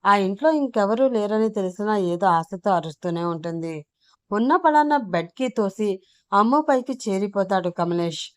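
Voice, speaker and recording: A woman storyteller reading a serial story in a steady, dramatic way. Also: medium pitch, normal speed, clear, resonant tone, no room sound, studio quality.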